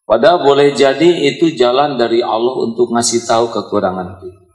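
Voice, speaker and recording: Joking preacher with a lilt. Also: male voice, mid-range voice, steady tone, brisk, darkish tone. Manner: humorous, teasing the audience, acting out prayers and quarrels. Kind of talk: sermon. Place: hall with a live audience. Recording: echoey hall.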